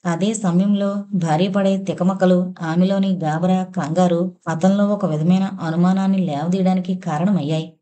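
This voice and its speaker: A woman narrating a domestic short story in a steady, measured way. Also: on the low side.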